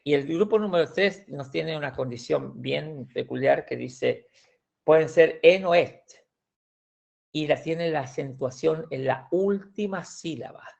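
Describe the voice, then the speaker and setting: A man teaching a grammar lesson, slowly working through examples and repeating words as he goes. His voice has a gravelly, creaky edge. The recording sounds dull and lo-fi. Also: a little high. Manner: explains patiently, repeats words, frequent restarts. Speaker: language teacher. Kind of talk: classroom lesson explaining grammar.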